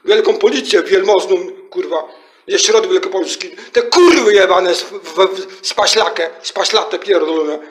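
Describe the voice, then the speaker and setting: High-voiced man ranting furiously. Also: unhurried. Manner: furious, repetitive swearing, shouting. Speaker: amateur YouTuber. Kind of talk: angry rant to camera. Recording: echoey room.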